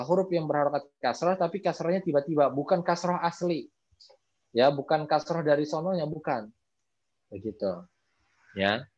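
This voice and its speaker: Guy teaching quran reading on a call, kinda high voice, dull muffled audio, lots of fillers. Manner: casual, repeats words to model pronunciation; loose explaining with frequent fillers. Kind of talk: online class teaching. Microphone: video call.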